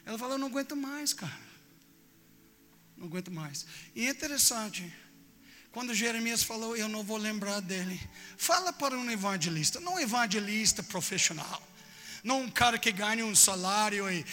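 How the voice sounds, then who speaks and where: A man preaching a sermon with fervor, dropping to low murmurs and then rising to loud shouts. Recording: echoey hall with music underneath.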